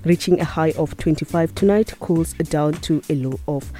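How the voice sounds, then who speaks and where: A woman's voice: low-pitched, moderate pace, warm tone, soft background music. A South African woman presenting a scripted weather update on morning radio from a studio.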